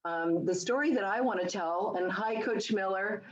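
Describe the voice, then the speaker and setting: A woman's voice: medium pitch, moderate pace. A woman in her sixties fondly recalling team memories on a video call. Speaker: former athlete sharing memories. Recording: echoey, dull video call audio.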